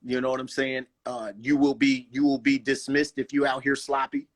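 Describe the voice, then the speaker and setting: A man talking casually as a guest roller skater, in an animated way, with loose slang and a habit of restarting phrases. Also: medium pitch, normal speed. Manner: animated, loose slang, restarts often, says "you know what I'm saying". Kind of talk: casual conversation.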